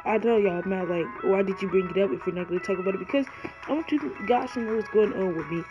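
A man's voice: high-pitched, fast talker. A man giving earnest, rambling gameplay commentary from a cold garage, shivering and full of ums and likes. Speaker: gaming YouTuber. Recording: dull lo-fi audio with loud music.

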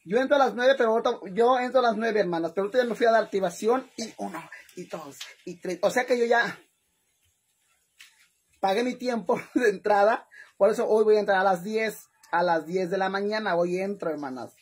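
A woman's voice: mid-range voice, brisk, breathy edge. Chatty Mexican woman livestreaming. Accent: Mexican Spanish. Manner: chatty and animated, laughing often, repeatedly addressing viewers as "hermanas". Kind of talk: casual livestream chat to followers.

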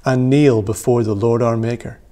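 A man in his thirties leading worship as a priest, reading prayers in a measured, solemn way in a small church room. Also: medium pitch, fairly even intonation, warm tone. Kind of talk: liturgical reading.

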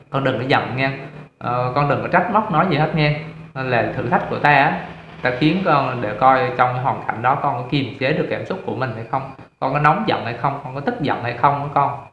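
A man's voice: mid-range voice, normal speed, a little hiss or hum, natural voice. Man playing a kindly old god, soothing fatherly tone, dull roomy sound. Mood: gentle. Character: kindly old male god speaking in a dream.

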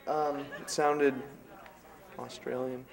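A man's voice: mid-range voice, little pitch movement, takes it slowly, creaky. A man playing an awkward, hesitant young student who is a superfan. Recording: echoey room, mic far off. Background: background music.

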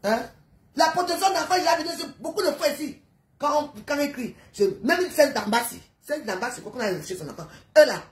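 Indignant widow, high and insistent, recorded at home in a roomy space. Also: female voice, expressive, brisk. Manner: emphatic, repetitive, peppered with tag questions. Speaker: widow ranting about her neighbors. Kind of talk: emotional monologue. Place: at home in an apartment building.

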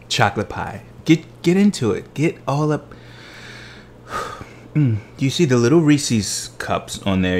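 A little hiss or hum accompanies this medium-pitched man in his thirties as he tastes desserts for his vlog in his living room at home. Chatty throughout, he delights exuberantly in each bite.

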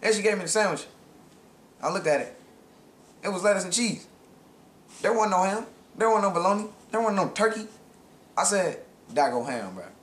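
A man's voice: high voice, lively intonation, normal speed, pauses often, echoey room, slight background noise. A man joking around in a rambling comic skit, brash and profane, repeating catchphrases. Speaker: comic co-host.

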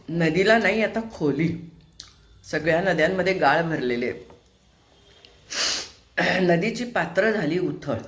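A woman's voice: fairly low pitch, reverberant. An older woman, host of a home vlog, chatting casually while cooking, asking rhetorical questions and scolding in a homely way. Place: home kitchen.

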